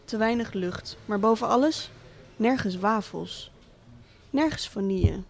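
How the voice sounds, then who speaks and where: A cynical, wealthy father who walked out on his family, talking in a dry, unhurried, sardonic tone, as a woman reads him aloud. The voice sits at an ordinary middle pitch, with measured pacing. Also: gravelly, slight background noise. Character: cynical rich middle-aged father, absent tycoon. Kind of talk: literary monologue reading.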